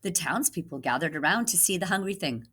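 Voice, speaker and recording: Reading a children's story with feeling, this teacher pauses at points to pose questions to her listener. She has a lowish, expressive voice that's a bit bright, with a breathy edge.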